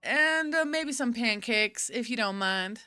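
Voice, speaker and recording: A woman plays a polite old veteran who orders with old-fashioned courtesy. The voice stays bright and clear. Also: on the high side, expressive, unhurried. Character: polite elderly male army veteran.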